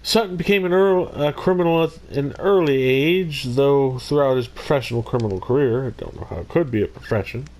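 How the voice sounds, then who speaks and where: A man's voice: mid-range voice, brisk, hardly any pauses, darkish tone. A man hosting his own video, casually narrating a criminal history and breaking off into rambling jokey asides. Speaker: YouTube host. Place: Missouri.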